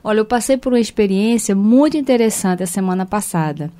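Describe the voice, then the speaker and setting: A woman from Brazil hosting, telling an everyday anecdote in a lively, casual way. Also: medium pitch, quick pace. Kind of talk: casual chat.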